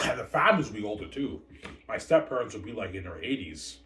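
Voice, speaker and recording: A man's voice: lowish voice, very animated, brisk, a bit bright. A man talking in a rambling, repetitive casual monologue, often tagging lines with "obviously" and "man". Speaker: vlogger. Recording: echoey room, distant mic, faint noise.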